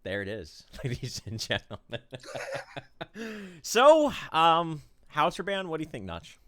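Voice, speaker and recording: A man casting a live esports final, talking fast and loosely through the picks with plenty of fillers and excited jumps. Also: on the high side. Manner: rambling, excitable play-by-play with fillers. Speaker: esports caster.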